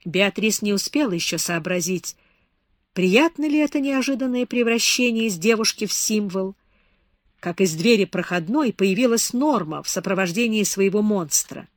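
A woman narrating an audiobook in an even, measured way. Her voice sits at a middle pitch, and the recording is dry and close with no room sound. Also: dry recording. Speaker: audiobook reader.

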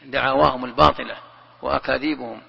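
A man, a sheikh, giving a classroom commentary lesson, who repeats his phrases and recites verses slowly and deliberately. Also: medium pitch, fairly even intonation, gravelly, husky. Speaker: sheikh teaching Quran commentary. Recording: long hall reverb, dull lo-fi sound.

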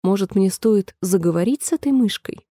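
A woman's voice: medium pitch, expressive, moderate pace, dark tone, no room sound, clean studio sound, close to an everyday voice. A woman voicing a polite, chatty, fretful little girl in a storybook reading, sounding eager and apologetic.

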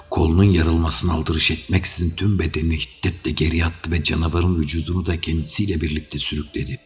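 A man narrating an adventure audiobook in a measured, dramatic reading. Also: a bass voice. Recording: dull audio with faint music.

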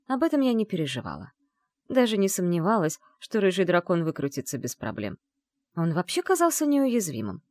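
Female audiobook narrator, lower voice, very animated, dry studio sound. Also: dry recording. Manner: expressive, lively storytelling. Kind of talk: first-person novel narration.

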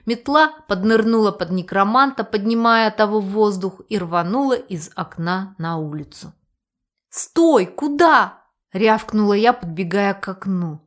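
Lady narrating a fantasy audiobook in first person, expressive, mid pitch. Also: normal speed, few pauses. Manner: lively, expressive storytelling. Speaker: audiobook reader.

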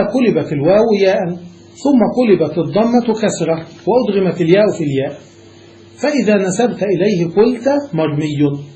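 High-voiced man teaching in an echoey room. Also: mellow. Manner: explanatory, often checks that students follow. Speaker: sheikh teaching grammar. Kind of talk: classical grammar lesson. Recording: echoey room with faint noise.

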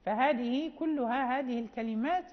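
A woman teaching Quran recitation rules, explaining slowly and repeating phrases with checking questions. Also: high-pitched. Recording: dull lo-fi sound in a reverberant hall.

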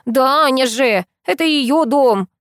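A woman narrator voices a plump, shabby middle-aged man, meek and whiny, squeaking out excuses and mumbling about food. The reading is dry and close to the mic. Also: takes it slowly, no room sound. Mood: whimpering. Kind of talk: audiobook dialogue reading.

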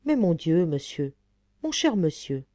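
A woman reading an audiobook voices a young man, the story's author, who scolds loudly and with contempt. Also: lowish voice, very animated, measured pace, dry recording. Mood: scornful scolding.

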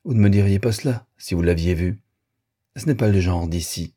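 A man's voice: sits low, normal speed, mellow, slightly rough, no echo, clean studio sound. A man voicing a pert, fashion-minded girl who talks in a sniffy, condescending way. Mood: disdainful.

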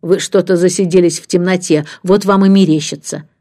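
A loving old nanny scolds fondly in a low, mellow voice, brisk and a bit loud. A woman reads her in a storybook with only light changes to her own voice. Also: steady tone, lightly acted. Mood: fussing.

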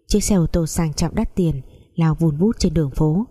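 A woman narrating a melodramatic family story, reading every character in a mostly even voice. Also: low voice, normal speed.

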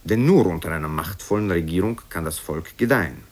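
In a satirical radio story, a man plays a pompous politician declaiming self-righteous accusations at his rival with heavy emphasis. His low voice moves briskly with lively intonation. The mood is accusing and righteous.

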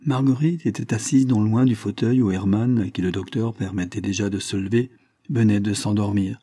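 A man reading a classic novel aloud as a measured, formal audiobook narration on a close mic. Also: fairly low pitch, dark tone. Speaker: audiobook reader. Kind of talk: scripted narration.

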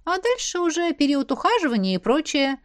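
A playful, prodding werewolf girl who clearly enjoys needling her friend, as a woman reads her. The voice sits fairly high and the recording is close and dry. She sounds amused and knowing, like she already has the answer. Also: sing-song, fairly quick, no room sound. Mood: teasing.

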